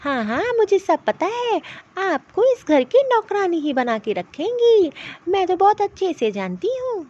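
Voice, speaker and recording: A woman voicing a defiant, sharp-tongued young daughter in a cartoon, speaking scornfully. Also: very high-pitched, very animated, unhurried, few pauses, muffled recording, exaggerated voice. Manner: scornful, complaining. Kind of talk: Hindi cartoon voice acting.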